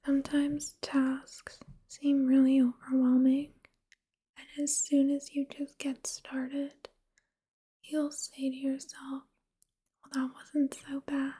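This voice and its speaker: A woman giving a whispered ASMR pep talk, speaking gently and reassuringly in a soft, unvoiced whisper. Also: sits high, monotone, slow pace.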